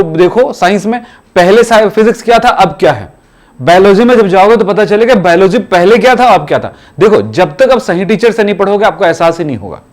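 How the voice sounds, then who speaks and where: Lively high-voiced male chemistry teacher. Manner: exhorting, repetitive. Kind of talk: classroom lecture.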